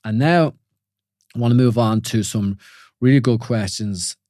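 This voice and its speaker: In a mid-range, dark-toned voice, an unhurried Irish podcast host in his forties muses on his own show. He addresses listeners informally, asking questions, restarting frequently and saying "you know?" often. It's studio quality with no echo.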